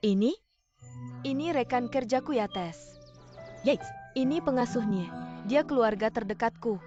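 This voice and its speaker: A woman voicing a calm, kind young woman. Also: a little high, unhurried, lightly acted. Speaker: dubbing actress. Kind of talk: dubbed television drama. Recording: dull sound, music behind.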